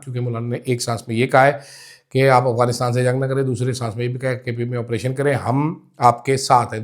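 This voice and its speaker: A man with a Pakistani Urdu accent, delivering a political commentary monologue with sarcastic, mocking asides. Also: mid-range voice.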